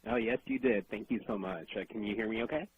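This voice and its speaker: A man's voice: fairly low pitch, quick pace. A man reporter calling in on a conference call, polite and hesitant, with some uhs, over a phone line. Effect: heard over a phone line on a conference call. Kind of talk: asking a question on a press teleconference. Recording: husky, tinny phone line.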